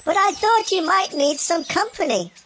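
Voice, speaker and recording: A storyteller voicing a cheeky, eager little male bird in a children's storybook reading, in an excited, shouty way. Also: very high-pitched, moderate pace, noisy background, pitched above the performer's own voice, heavily acted.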